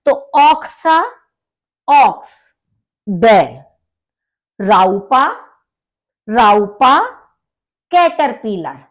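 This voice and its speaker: A woman teaching a vocabulary lesson, repeating each word carefully and explaining pronunciation. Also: medium pitch. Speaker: language teacher.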